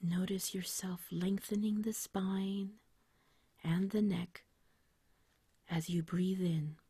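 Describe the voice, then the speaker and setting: A woman guiding a meditation like a sleep story narrator, in a soft, whispery, breathy voice with a gentle, soothing, unhurried manner. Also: mid-range voice, flat delivery, no room sound. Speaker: meditation guide.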